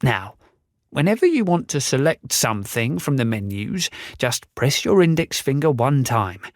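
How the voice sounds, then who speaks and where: A man's voice: mid-range voice, very animated, normal speed, dry recording, studio quality, pitched above the performer's own voice, lightly acted. Man voicing a patient old inventor. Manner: patient, instructive. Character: old male inventor, kindly, forgetful. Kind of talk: audiobook character voice.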